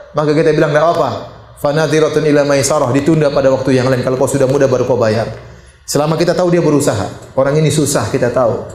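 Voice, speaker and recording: A middle-aged Indonesian man preaching to a congregation, lively and joking, his pitch jumping high to stress a point. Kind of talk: sermon. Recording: echoey hall.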